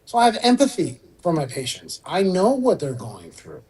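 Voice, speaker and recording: Iran-born middle-aged guy on a radio show, easygoing explainer, slightly high voice. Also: normal speed, rough recording. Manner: relaxed, explanatory, occasional fillers. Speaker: spine surgeon guest. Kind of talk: radio interview.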